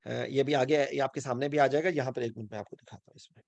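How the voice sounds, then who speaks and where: A man's voice: mid-range voice, steady tone, creaky, a little mellow, no room sound. A man with a Pakistani Urdu accent teaching Quran and Arabic grammar in an online class, explaining step by step, checking in with his students and mixing English words into his speech.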